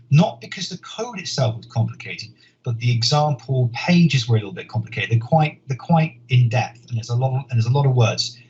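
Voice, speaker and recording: A man, a software engineer, giving a conference talk in an earnest, explanatory way, often repeating words as he thinks. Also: medium pitch. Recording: dull lo-fi sound with faint noise.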